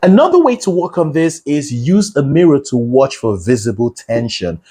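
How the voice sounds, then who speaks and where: A man's voice: medium pitch, very animated, normal speed, dark tone, breathy edge. A man teaching a singing lesson as a vocal coach. He explains patiently and checks in with the listener. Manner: patient, checks in with "right?" and "okay?".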